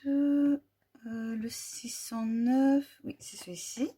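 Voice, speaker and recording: A woman with a French accent casually reviewing glitter paint tubes, slowly listing colour numbers with frequent fillers. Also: fairly high pitch, steady tone, warm tone, breathy edge. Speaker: vlogger.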